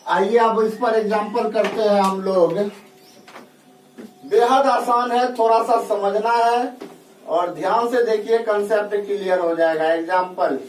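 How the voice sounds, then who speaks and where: A man teaching a grammar lesson, asking rhetorical questions and dictating example sentences slowly, word by word. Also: sits high. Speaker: English teacher. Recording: echoey room, voice from a distance, faint noise.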